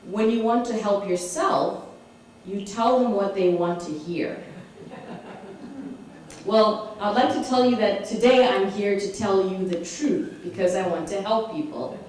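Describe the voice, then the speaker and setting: A woman's voice: medium pitch, a little slow, darkish tone, far from the mic, slight background noise. A woman from Malawi giving an author talk to an audience, engaging them with questions and laughing often. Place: community hall. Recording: echoey hall recorded from afar.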